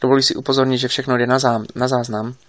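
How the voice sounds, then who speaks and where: A man's voice: mid-range voice, flat delivery, no room sound, lightly acted. A man reading an audiobook, voicing a polite, flustered assistant carrying a camera.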